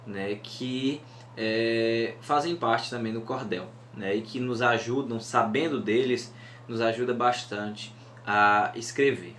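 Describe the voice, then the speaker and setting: A man with a Northeastern Brazilian accent teaching a lesson on cordel poetry, patiently explaining and slowly scanning verse syllables aloud. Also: mid-range voice, steady tone, a bit bright. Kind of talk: mini-course lesson. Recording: echoey room, faint hum.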